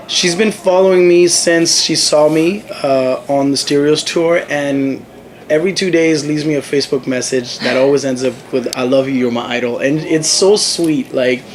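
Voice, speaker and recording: A young male musician from the Congo, chatting casually in an interview and telling stories with lots of fillers. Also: fairly high pitch. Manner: animated storytelling, frequent fillers. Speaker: musician guest. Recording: noisy crowd behind. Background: crowd chatter.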